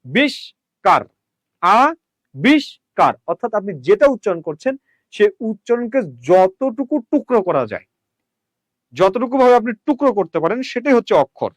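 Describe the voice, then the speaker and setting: Bangladeshi male teacher, high voice, dry close sound, slow syllable-by-syllable drilling, questions to viewers. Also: no room sound. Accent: Bangladeshi Bengali. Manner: repeats words slowly, syllable by syllable. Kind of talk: live online grammar lesson.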